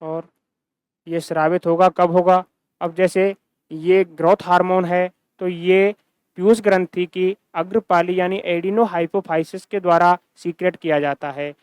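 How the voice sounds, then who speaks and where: A man's voice: sits high, fairly even intonation, a little slow, a little mellow, clean tone, no echo. A man teaching a science lecture, repeating key terms and asking and answering his own questions. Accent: Hindi-speaking Rajasthan region. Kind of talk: recorded classroom-style lecture.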